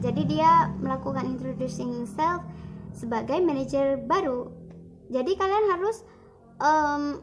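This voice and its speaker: High-voiced chatty young woman teacher. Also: a bit bright. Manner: chatty, explaining in a casual classroom tone. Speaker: English teacher. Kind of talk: online video lesson over slides.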